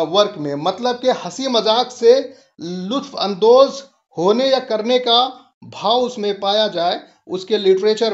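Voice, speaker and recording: A man's voice: high voice, highs cut off. A man teaching a lecture-style lesson, explaining step by step and mixing English terms into his speech.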